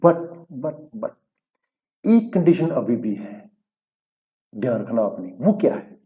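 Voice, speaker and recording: In a recorded classroom lesson, a man teaches accountancy, laying out rules step by step and asking questions to check understanding while mixing English terms into his Hindi. His mid-range voice is slow, sing-song and dark in tone, and the recording sounds muffled.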